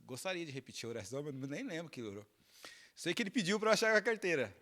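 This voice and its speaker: Mineiro pastor, middle-aged, animated sermon storyteller, slightly high and very lively. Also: male voice, fast. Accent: Minas Gerais Portuguese. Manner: animated storyteller, acts out dialogue, laughs.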